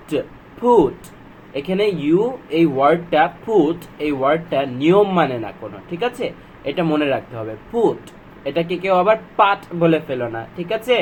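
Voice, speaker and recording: A man teaching young children phonics, sounding out each word slowly, syllable by syllable, in a gentle, coaxing tone. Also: high voice, slight background noise.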